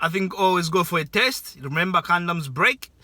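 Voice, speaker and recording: A man's voice: sits high, moderate pace, pushed and bright, no echo. A man from Zambia, giving casual advice in a rambling way and repeating words for emphasis.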